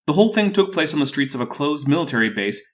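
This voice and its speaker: A man's voice: a little high, big pitch swings, fast. A man with a thick, sore-throated voice hosting a scripted rebuttal video in a dry, skeptical way. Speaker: YouTube host.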